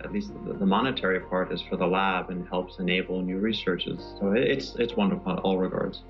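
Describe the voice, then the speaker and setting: A man, a prize winner, recounting a story in a relaxed, anecdotal interview answer. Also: low-pitched, a little fast, muffled recording, soft background music. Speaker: prize laureate.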